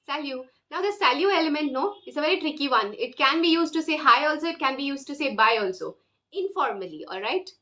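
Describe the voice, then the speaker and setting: A woman's voice: sits high, expressive, brisk, sharp tone. A woman teaching a beginner language lesson, explaining patiently and drilling words for the listener to repeat. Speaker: French teacher.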